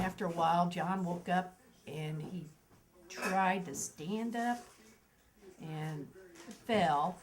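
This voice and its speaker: An older woman tells family anecdotes in a relaxed, chatty way. She laughs often and slips into the children's voices when quoting them. She sounds like a mother recalling her many kids. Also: medium pitch, poor audio. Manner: lively, laughs often, acts out the kids' quoted voices. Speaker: mother of eleven telling family stories. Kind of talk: casual family storytelling.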